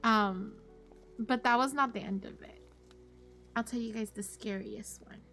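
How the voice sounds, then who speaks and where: A woman's voice: fairly high pitch, a little slow, vocal fry, bright, forceful tone, soft background music. A woman live streamer telling a rambling story to her chat in a casual way, full of fillers. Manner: chatty, rambling, many fillers; greets chat viewers mid-story.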